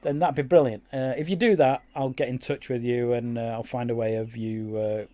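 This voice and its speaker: A man's voice: mid-range voice, steady tone, normal speed, mellow. A man giving casual, rambling commentary over his own gameplay, with many fillers and restarts. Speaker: game YouTuber.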